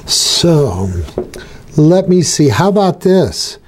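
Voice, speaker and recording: A man's voice: fairly high pitch, sing-song, slow, a little hiss or hum. A man hosting a casual interview and putting questions to a guest. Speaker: interviewer and host.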